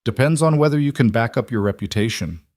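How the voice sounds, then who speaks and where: A man voicing a brisk, blunt woman Marine colonel in a story reading. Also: medium pitch, lively intonation, a little mellow, no room sound, studio quality, lightly acted. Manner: blunt, clipped.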